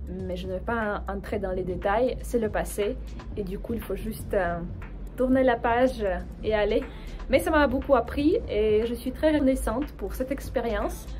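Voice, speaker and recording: Speaking outdoors over background music, this Russian-native French teacher and video creator from Ukraine has a warm, mid-range voice. Her casual personal talk to camera is friendly, hesitant and full of fillers and restarts.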